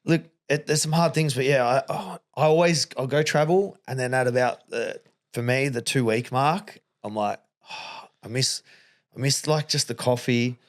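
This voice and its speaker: Australian podcast host, young male, relaxed slangy rambler, middle pitch. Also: moderate pace. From Melbourne, Australia. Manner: rambling, casual, slangy, many restarts. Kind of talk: casual chat.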